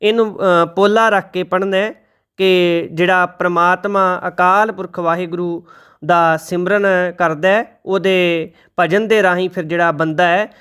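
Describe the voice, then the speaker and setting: Man with a high, clear voice teaching recitation. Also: fairly bright tone. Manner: slow, deliberate, spells out letters and corrects pronunciation. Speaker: Gurbani pronunciation teacher. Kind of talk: recitation lesson with slow chanted verses.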